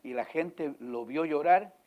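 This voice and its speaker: Male pastor, slightly high voice, dramatic loud-to-soft delivery, keeps checking if the congregation follows. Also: takes it slowly, highs cut off. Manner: emphatic preaching with sudden swings from loud to hushed; asks the congregation questions again and again. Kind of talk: sermon.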